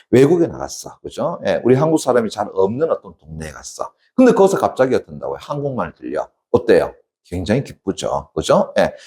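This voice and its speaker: A male academy teacher giving an exam-prep literature lecture, constantly asking check questions and answering them himself. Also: a little mellow. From South Korea. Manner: acts out poem lines with sudden high dramatic dialect.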